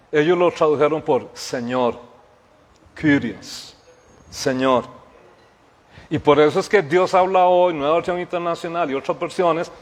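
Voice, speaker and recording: Man, pastor preaching a sermon, fairly high voice, long hall echo. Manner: emphatic preaching, rising to shouts, then dropping to quiet explanation. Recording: hall reverb.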